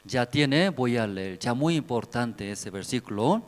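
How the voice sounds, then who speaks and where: A male missionary pastor preaching at a Bible seminar, with slow, simple phrasing and many rhetorical questions to the audience. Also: mid-range voice, animated. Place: Bible seminar hall in a cold city. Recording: long hall reverb.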